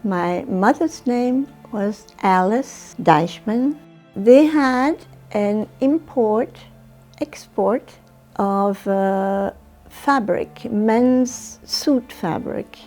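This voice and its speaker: A woman in her nineties from Germany, telling her life story in a slow, reflective oral history interview with small hesitations. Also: medium pitch, darkish tone, faint music behind. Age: 90s. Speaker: Holocaust survivor interviewee.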